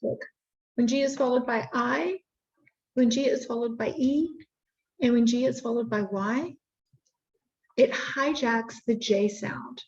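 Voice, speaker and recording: A woman leads a one-on-one phonics lesson with short, patient prompts. Her voice sits a little high. The recording is roomy and dull. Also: unhurried, long pauses, a little mellow. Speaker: reading tutor.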